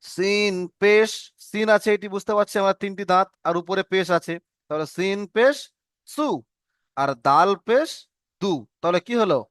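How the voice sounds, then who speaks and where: A man teaching an Arabic reading lesson, slowly drilling letters and syllables in call and response. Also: high-pitched, lively intonation, fairly bright tone, dry recording, studio quality.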